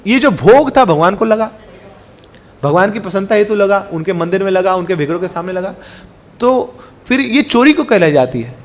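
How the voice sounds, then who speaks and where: A man preaching a devotional sermon, telling a story in an animated, conversational way and asking his listeners questions. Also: high voice. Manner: animated, conversational, asks the audience.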